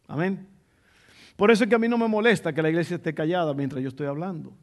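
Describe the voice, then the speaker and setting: A man's voice: fairly high pitch, quick pace. A male pastor preaching a sermon in a teaching tone, repeating his key phrases for emphasis.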